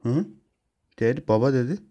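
A man's voice: mid-range voice, expressive, moderate pace, dark tone. A young man casually commenting on a video game as he plays, translating the characters' lines aloud and swearing offhandedly. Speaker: gameplay streamer. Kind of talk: casual let's-play commentary.

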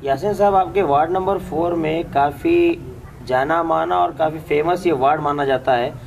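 A local reporter interviewing a candidate, asking questions in a halting way as he searches for words. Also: a little high, creaky, a little hiss or hum.

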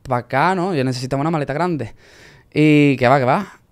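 A young man with a Spanish accent from Spain is a guest in a casual interview. He tells his story in a relaxed way and uses Spanish slang. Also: on the high side, a little fast. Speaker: singer guest.

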